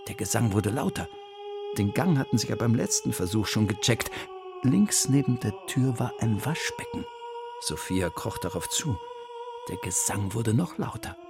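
A man narrating a children's mystery story in an animated, suspenseful way, close to a studio mic. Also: mid-range voice, moderate pace, music in the background.

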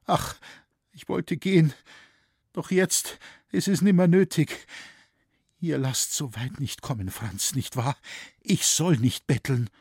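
A man's voice: a little high, takes it slowly, creaky, pauses often, a little mellow, breathy edge, no room sound, clean studio sound, voice pushed up, full character voice. A man reading an audiobook, voicing a poor, proud young woman who sobs and pleads in despair. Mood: pleading. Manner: sobbing, pleading.

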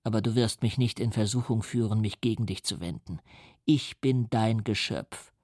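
A man voicing a huge, tormented male creature from an audiobook reading, speaking in a measured, grave way. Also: fairly low pitch, steady tone, a little mellow, no room sound, studio quality, close to an everyday voice. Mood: pleading.

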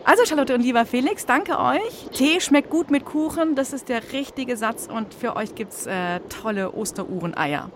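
A woman presenting a children's radio show in a chatty, playful, expressive storytelling style, speaking straight to the listeners. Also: on the high side, moderate pace, few pauses, a little hiss or hum. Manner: expressive, addresses young listeners directly. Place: radio studio.

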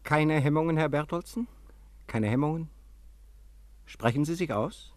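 A man's voice: on the high side, a little slow, no echo, close to an everyday voice. A man as a condescending asylum doctor. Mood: probing. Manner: lecturing, dismissive, commanding. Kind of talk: German radio play acting.

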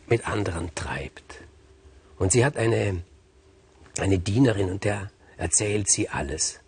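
Haughty storybook king, low and husky, voiced by a male narrator. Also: full character voice. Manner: haughty and brooding, slow and low. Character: proud, jealous old king.

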